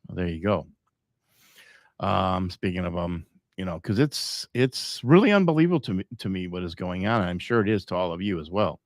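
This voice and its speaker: The host of this live podcast is a middle-aged man whose low voice sounds animated and fairly quick. Captured in clean studio sound without room reverb, he rambles emphatically and laughs softly a lot.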